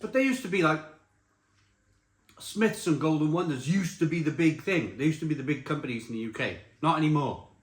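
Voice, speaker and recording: A middle-aged British man giving a casual, chatty crisp review while tasting and eating, repeating phrases for emphasis. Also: a little high, expressive, fairly quick. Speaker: snack reviewer. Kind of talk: casual spoken review to camera. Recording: roomy echo, faint background noise.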